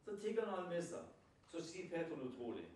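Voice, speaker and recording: A man's voice: on the high side, sing-song, a little mellow. A man giving a sermon at a prayer house, retelling scripture as a story and often asking his listeners rhetorical questions. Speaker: lay preacher. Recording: very echoey hall, far from the mic.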